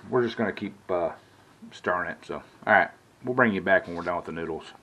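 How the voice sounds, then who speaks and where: A middle-aged man with a low, brisk voice and a sharp tone rambles in a folksy way while he cooks and chats in his home kitchen. He is a cooking vlogger making a casual cooking vlog, and there is slight background noise.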